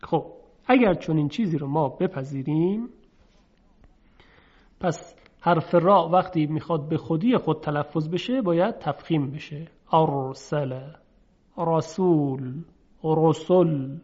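Guy teaching recitation, kinda high voice, stretches out example sounds, muffled lo-fi audio. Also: lively intonation, long pauses, a little mellow, breathy edge. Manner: patient, explains step by step and demonstrates letter sounds by drawing them out. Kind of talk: explanatory lesson. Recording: dull lo-fi recording.

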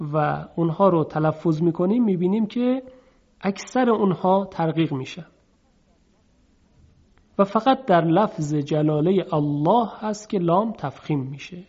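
A man teaching a lesson on Quranic recitation, explaining step by step, asking and answering his own questions, and chanting example sounds slowly. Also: sits high, darkish tone. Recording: dull lo-fi recording.

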